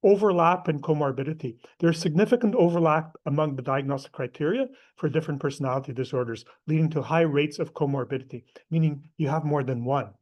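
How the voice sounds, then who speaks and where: A middle-aged man with a Portuguese accent lectures a class, his voice sitting a little higher than most men's. He talks loosely and conversationally, with frequent fillers and side remarks between his points. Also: quick pace, few pauses, highs cut off. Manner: casual, conversational, many fillers and asides.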